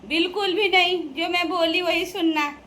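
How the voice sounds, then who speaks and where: A woman's voice: very high-pitched, fairly even intonation, moderate pace, a bit bright, slight background noise. A young woman from the Uttarakhand hills, chatting casually and teasing in a playful vlog, laughing often. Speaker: vlogger addressing viewers.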